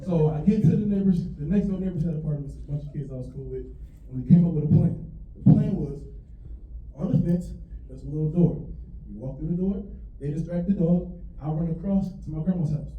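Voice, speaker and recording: A young man tells a stand-up story with a lively, fairly high voice and acts out every character in it. He is picked up from a distance in a roomy, echoing venue. The sound is muffled and dull, and audience laughter rises behind him. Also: brisk. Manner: animated, acts out voices of grandma and dogs. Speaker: stand-up comedian. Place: comedy venue on stage.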